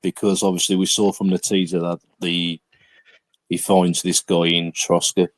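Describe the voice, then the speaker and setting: Chatty man, low voice. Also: little pitch movement, moderate pace, dry recording. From England. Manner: chatty, repeats words when starting sentences. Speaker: podcast host. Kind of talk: casual chat.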